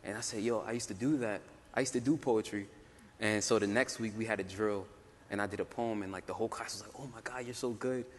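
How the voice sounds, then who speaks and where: A young man panelist telling his story in a casual way, full of "like" fillers and quick laughs. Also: on the low side, steady tone. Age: young adult. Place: conference hall. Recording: roomy hall, faint ambience.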